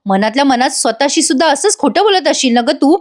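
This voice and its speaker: A woman's voice: sits high, animated, fast talker, voice pushed up. A woman reading a scathing, bitter young woman. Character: bitter young woman whose home was ruined.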